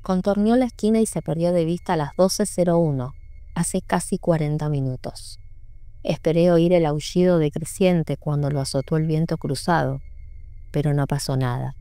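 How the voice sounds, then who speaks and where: A woman narrating an audiobook in a measured, sombre reading. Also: deep voice, steady tone, dark tone, smooth, no echo. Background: faint music.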